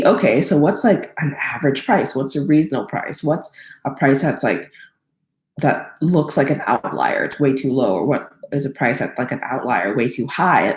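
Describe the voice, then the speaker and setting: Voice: mid-range voice, darkish tone. A crowdfunding consultant from Thailand giving casual solo advice, rambling with many fillers and self-corrections. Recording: roomy echo.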